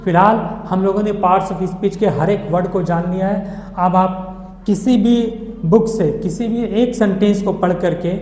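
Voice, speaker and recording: A man teaches a grammar lesson in a patient, step-by-step way, dropping English words into his talk and pausing to ask "okay?" His voice is soft and mellow. It rings with a long reverb, as if recorded in a bare, echoing room. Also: sits high. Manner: patient explaining, repeats "okay" often; mixes English words into Hindi.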